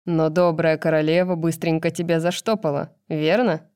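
A woman doing a joking fae man, flirtatious and teasing. His voice is low and mellow in a storybook reading with a dry, close sound. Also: fairly even intonation, moderate pace, clear, resonant tone, dry recording, lightly acted.

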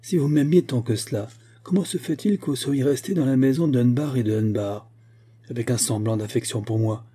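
A man's voice: mid-range voice, normal speed, mellow, slightly rough, close to an everyday voice. A man doing a bitter, scornful stranger. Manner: mocking, curt, commanding. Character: bitter, scornful middle-aged man, hard and commanding.

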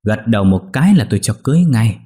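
A man's voice: on the low side, sing-song, fast, mellow, breathy edge, pitched above the performer's own voice. A man doing a jovial teasing older villager. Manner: teasing, folksy.

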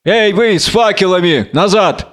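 A man's voice: a little high, a little slow, fairly bright tone. A man voicing a stern nobleman who barks orders. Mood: commanding. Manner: barking orders. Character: stern red-haired nobleman, harsh and commanding.

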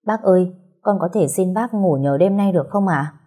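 A woman voicing a timid, polite young wife who pleads softly in a storybook. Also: lowish voice, normal speed, husky. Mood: pleading.

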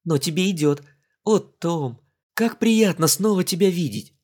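A man's voice: high-pitched, animated, measured pace, a little mellow, slightly rough, voice pushed up, full character voice. A man reading an audiobook voices a playful, mocking young English woman in a raised voice. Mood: teasing.

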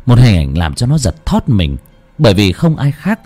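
A man narrating a ghost story in a dramatic, expressive way. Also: fairly low pitch, normal speed. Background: faint background music.

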